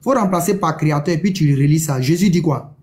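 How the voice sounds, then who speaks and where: A man in a heated religious debate, pushy, repeating his demands and telling the other to calm down. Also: a little high, fast talker.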